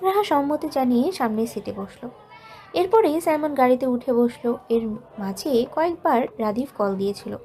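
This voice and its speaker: A woman narrating an audio love story from a script, in a soft, measured and emotional way. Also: high voice, expressive.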